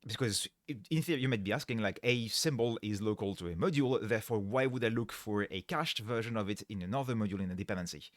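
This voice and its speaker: A man with a lowish voice explains his code over a livestream headset mic, thinking aloud and stopping to correct himself as he goes. He sounds tired, and the close microphone leaves the sound dry with no room around it. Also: no room sound. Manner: explains step by step, pausing and correcting himself mid-sentence. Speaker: livestreaming programmer. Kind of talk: thinking aloud while coding on a live stream.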